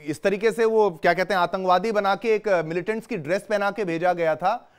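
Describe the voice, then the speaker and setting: Male TV anchor, high-pitched voice, combative and scolding in a heated live debate. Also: fairly even intonation, a little fast, clean tone. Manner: combative, scolding, talks over the guest.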